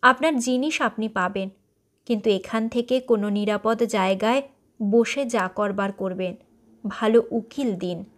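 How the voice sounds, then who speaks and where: A woman voicing a young male servant who speaks in a hushed, urgent way in a story reading. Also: on the high side, unhurried, natural voice.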